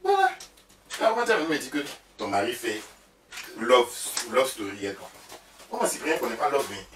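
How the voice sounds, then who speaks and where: A man's voice: medium pitch, moderate pace, far from the mic, a little hiss or hum. A man playing a chatty, boastful woman who gossips about her husband, with an Ivorian French accent, in a comic sketch. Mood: gossipy. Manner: gossipy, animated, loud outbursts. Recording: roomy, from off-mic, faint background.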